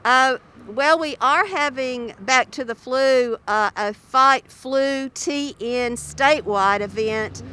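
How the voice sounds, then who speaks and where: A woman's voice: high-pitched, takes it slowly, hardly any pauses, bright, forceful tone. A woman giving informative interview answers as a health spokesperson, talking through a face mask. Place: outdoors near road traffic. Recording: outdoors by passing traffic.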